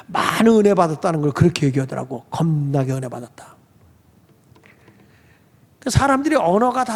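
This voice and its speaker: A male pastor preaching a sermon in a conversational way, putting questions to the congregation in a church sanctuary. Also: sits high. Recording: long church reverb.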